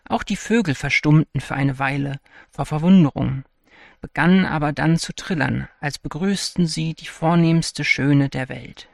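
A man reading a fairy tale aloud in a calm, even storytelling manner. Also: fairly high pitch, normal speed, gravelly, no echo, studio quality. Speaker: narrator. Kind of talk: scripted fairy-tale narration.

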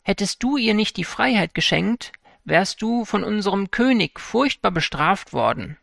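Storybook figure: a kind old sea-turtle nursemaid with a higher, slow, gravelly voice, as a man puts her on. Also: expressive, a bit bright, dry recording, studio quality, full character voice. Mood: solemn, reassuring.

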